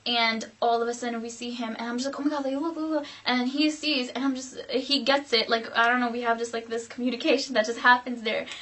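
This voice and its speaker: A young woman vlogger telling a dramatic personal story in a rambling, animated way, full of "like". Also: fairly high pitch, a little fast, hardly any pauses. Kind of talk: storytime vlog.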